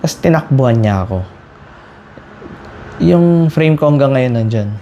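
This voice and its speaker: A man tells his viewers a story in a loose, conversational way, as a cycling vlogger would. He often stops short and starts a sentence over, and he sounds fed up about a bike crash. His voice sits at an average pitch, with a faint hiss in the background. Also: unhurried. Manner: animated retelling with frequent restarts. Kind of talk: casual storytelling.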